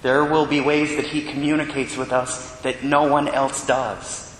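A man, a priest, reading the Gospel and giving a homily in a measured, earnest way with pauses, heard with a cathedral echo. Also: level tone, fairly bright tone. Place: large church. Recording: echoey church hall with faint rumble.

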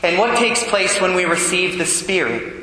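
A man preaches in a measured cadence, asking rhetorical questions as he reads the Gospel and gives a homily. His voice is bright and forceful, pitched a little high. The cathedral echo rolls on behind every word with a long, booming reverb. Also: animated, a little hiss or hum. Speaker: priest. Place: large church.

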